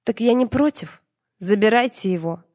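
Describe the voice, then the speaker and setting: Lady reading a stubborn young witchy student who wants her freedom, kinda low and plain, audiobook. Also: measured pace, a little mellow, husky. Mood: defiant. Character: defiant young woman student bound to demons.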